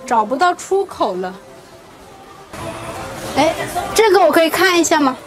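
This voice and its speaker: A woman's voice: extremely high pitch, big pitch swings, measured pace. A woman hosting a casual market vlog for Chinese learners, naming and repeating things simply as she goes. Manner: names and repeats items for learners. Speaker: vlog host teaching Chinese. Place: busy market, on location. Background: music.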